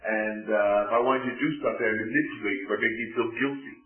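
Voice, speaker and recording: A man's voice: on the low side, quick pace. Distant echoey man telling his story. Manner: animated, self-mocking, with many restarts. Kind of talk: personal testimony storytelling. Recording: distant, echoey, phone-like sound with faint music.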